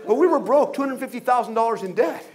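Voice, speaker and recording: A man's voice: extremely high pitch, animated, fast, a little mellow. An older man speaking as a guest at a motivational event, telling humorous stories, asking the audience questions and acting out voices. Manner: humorous storytelling with jokes and acted-out voices; asks the audience rhetorical questions.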